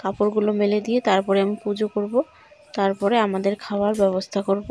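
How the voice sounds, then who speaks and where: A woman's voice: medium pitch, monotone, quick pace, warm tone. A young woman talks viewers through her household chores and her two daughters in a chatty home vlog. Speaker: vlogger, mother of two daughters. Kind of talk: casual vlog narration of daily chores. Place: home and courtyard by a water tap.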